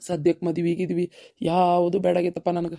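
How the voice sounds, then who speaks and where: A man's voice: sits high, completely flat delivery, brisk, gravelly, warm tone, dry recording, clean studio sound. A man voicing a remorseful grown son in a cartoon story, pleading and apologetic, with a North Karnataka accent. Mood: weary. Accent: North Karnataka Kannada. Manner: pleading, contrite.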